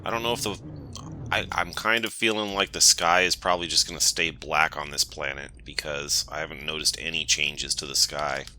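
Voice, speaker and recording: A man hosting a gaming channel has a cold and chats casually, thinking aloud as he plays through a relaxed let's-play. His bass voice moves at a normal speed, with slight background noise.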